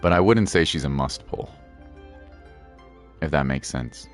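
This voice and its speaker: With a bass voice and a measured pace, this man chats casually with viewers while streaming a game, faint music in the background. His talk is slangy and reassuring, and he repeats himself for emphasis.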